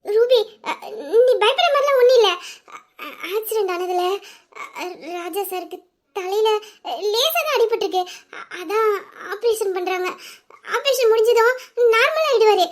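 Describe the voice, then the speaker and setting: A woman voicing a policewoman and older sister who speaks steadily to reassure and calm others. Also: very high voice, normal speed, long pauses. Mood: soothing worry. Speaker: police officer. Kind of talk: Tamil audio drama acting.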